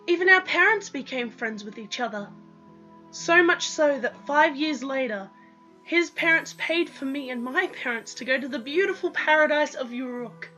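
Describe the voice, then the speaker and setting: With a sharp tone and high voice, a young woman performs her own first-person story dramatically. Music plays behind this lo-fi recording.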